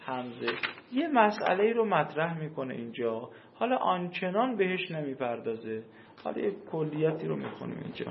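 Man teaching slowly in an echoey room. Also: on the high side, narrow, tinny audio, a little hiss or hum. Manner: slow, repetitive explaining with questions to students. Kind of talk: classroom grammar lesson.

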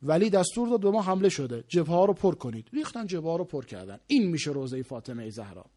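Male preacher, high-pitched tenor, fervent sermon delivery, volume swings from hushed to booming, lots of rhetorical questions. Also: very animated. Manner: impassioned, with rapid rhetorical questions; swings from low murmurs to loud exclaiming. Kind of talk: religious sermon.

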